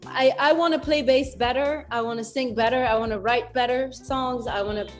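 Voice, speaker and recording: A French woman, a musician whose first language is French, answers interview questions thoughtfully, laughing easily and often restarting her sentences. Her voice is fairly high and steady, at a normal speed, with faint music in the background.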